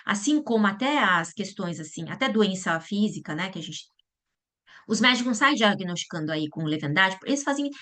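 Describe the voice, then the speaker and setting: A woman giving a lecture to parents, animated and often checking in with her listeners. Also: medium pitch, fairly quick. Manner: acts out quoted voices. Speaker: lecturer at a church parents' talk.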